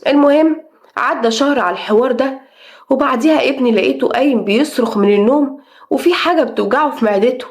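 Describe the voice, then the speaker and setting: A middle-aged Egyptian woman narrates a first-person story in a dramatic, earnest way. Her voice is high, and she talks at a fast clip. Her Egyptian accent carries every line. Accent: Egyptian Arabic.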